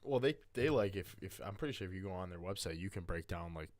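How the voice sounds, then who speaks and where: Low-voiced young man chatting sports. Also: expressive, quick pace, a little mellow, no echo. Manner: loose, rambling, repeats words. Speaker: podcast co-host. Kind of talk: casual sports chat.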